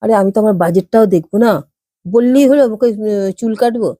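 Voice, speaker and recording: A woman's voice: a little high, fast, no room sound, clean studio sound. A woman from Kolkata with a West Bengal accent, telling a story to her viewers in a chatty vlog style and acting out the dialogue. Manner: lively, acts out dialogue in voices. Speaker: vlogger.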